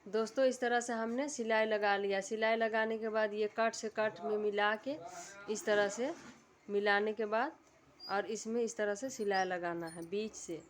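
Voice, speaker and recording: Woman, tutorial host, medium pitch, steady instructional delivery, faint background hiss. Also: measured pace. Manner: calm, repetitive instructional voice-over. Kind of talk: step-by-step sewing instruction.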